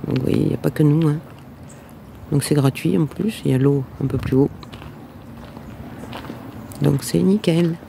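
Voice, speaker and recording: A woman's voice: sits low, moderate pace, gravelly, long pauses, low-quality recording. A middle-aged woman chatting casually through a travel vlog, hesitating often, a little out of breath from walking. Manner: chatty, with frequent hesitations and laughs. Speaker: travel vlogger. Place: outdoors in a windy hilltop town. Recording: loud wind noise on the mic.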